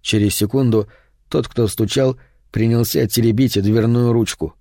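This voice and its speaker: Male audiobook narrator, dark mellow voice, horror reading. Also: medium pitch, no echo, clean studio sound. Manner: steady, measured storytelling.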